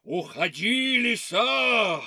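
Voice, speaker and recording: Storybook bear, old and heavy, rumbling low, voiced by a woman narrator. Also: animated, gravelly, noisy background, heavily acted. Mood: growling. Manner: low, slow, growling.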